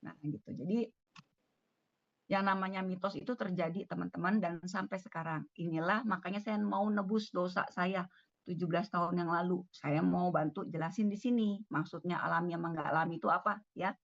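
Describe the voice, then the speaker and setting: Lively woman doctor with a gravelly voice. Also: on the low side, fairly quick, no room sound. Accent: Indonesian. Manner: lively storyteller acting out dialogue. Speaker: doctor giving a talk. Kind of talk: storytelling talk on a video call. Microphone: video call. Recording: dull lo-fi video call audio.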